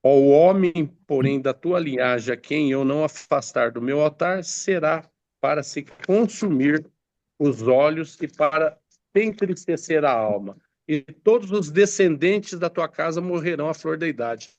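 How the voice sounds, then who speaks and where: A man's voice: a little high, a little slow, darkish tone, no room sound, lo-fi sound. A man preaching a sermon, reading scripture aloud and explaining it with many hesitant fillers and restarts.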